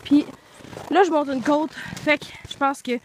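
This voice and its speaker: Out in cold, snowy woods, a young vlogger talks casually as she walks, her Quebec French accent thick with flu congestion and her breath a little short. She speaks at a normal pace in a high, fairly even voice, full of fillers, over a little hiss or hum.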